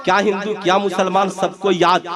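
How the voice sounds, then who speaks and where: A man preaching a sermon to a crowd, telling homely stories, asking the listeners to answer back, and swelling to shouted peaks. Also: high-pitched, flat delivery, moderate pace. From Bihar, India. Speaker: Islamic preacher. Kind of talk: sermon at a religious gathering. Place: stage at a crowded public religious gathering. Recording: live crowd gathering audio. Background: crowd murmur and reactions.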